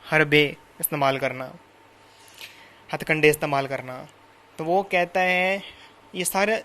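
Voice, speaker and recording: A man's voice: fairly high pitch, a bit bright. Man giving a patient literature lecture. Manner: explains English words by listing translations and synonyms; repeats and rephrases points patiently. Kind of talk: recorded classroom lecture.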